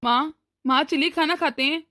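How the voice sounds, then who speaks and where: Woman doing an anxious young cartoon husband caught in the middle, high-pitched and pleading. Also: normal speed, sharp tone. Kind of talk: cartoon voice acting.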